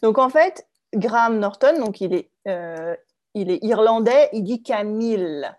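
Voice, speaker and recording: A woman in her thirties teaches an online French class in a slightly raised voice. She speaks patiently and clearly, often pausing to check that her students follow. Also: a little high, lively intonation, a little mellow. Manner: clear, slow, checks with "d'accord?". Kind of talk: online language lesson.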